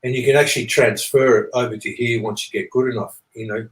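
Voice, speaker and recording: A man's voice: mid-range voice, steady tone, fast. Echoey-sounding man explaining earnestly as a guest. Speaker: interview guest. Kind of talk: rambling explanatory conversation.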